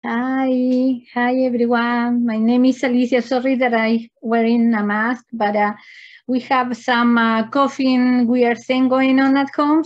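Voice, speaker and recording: A woman from Chile, speaking English as a with halting phrasing and many fillers during a virtual gallery talk. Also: on the high side, a little mellow, muffled recording. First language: Spanish. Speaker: artist.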